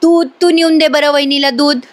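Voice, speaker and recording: A man's voice: very high voice, steady tone, moderate pace. A woman doing a sly, stammering husband. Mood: nervous coaxing. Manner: stammering, coaxing. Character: scheming middle-aged husband, nervous and sly.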